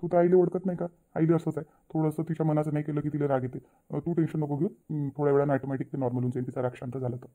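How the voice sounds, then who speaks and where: A man's voice: fairly high pitch, flat delivery, very fast, narrow, tinny audio, close to an everyday voice. A man voicing a patient middle-aged village father in a cartoon, coaxing and lecturing his wife. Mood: soothing. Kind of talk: cartoon voice acting.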